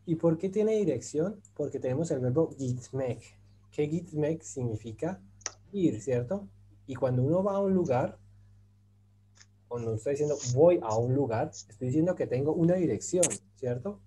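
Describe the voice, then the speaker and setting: Teaching a Turkish grammar lesson in an online group class, this man has a fairly high, mellow, husky voice, animated delivery, and a normal speaking speed. He goes step by step with patience, regularly asking "¿cierto?" to mean "right?"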